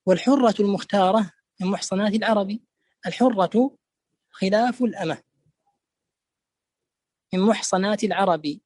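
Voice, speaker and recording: A man with a high voice lectures on a classical poem. He is deliberate and repeats key words to drive each meaning home. The sound is dry and close, with no room echo. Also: a little mellow. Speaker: teacher explaining a poem.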